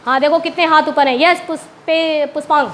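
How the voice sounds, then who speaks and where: A woman's voice: high-pitched, steady tone, a little fast, a little hiss or hum. A woman teacher explaining proverbs to a class of pupils, repeating each point and checking often that they follow.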